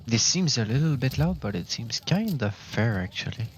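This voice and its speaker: A man's voice: mid-range voice, sing-song, normal speed, a little hiss or hum, poor audio. A man with a Quebec French accent chatting casually to his stream while playing, with frequent restarts and self-corrections. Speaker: gaming streamer. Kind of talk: casual live-stream commentary.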